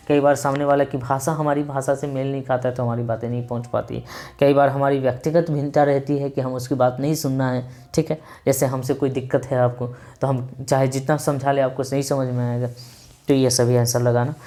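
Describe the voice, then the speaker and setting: A man's voice: medium pitch, a little mellow. A male teacher going through exam questions with students, repeating each answer and often checking in with them. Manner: repetitive, keeps saying "ठीक है" and addressing students affectionately. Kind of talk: exam revision lesson.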